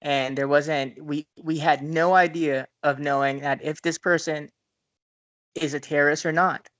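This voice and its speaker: A man's voice: on the high side, little pitch movement, a little slow, a bit bright, no echo. A man appearing as a podcast guest, talking bluntly in a casual political discussion over a video call and often cutting in. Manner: blunt, interjecting.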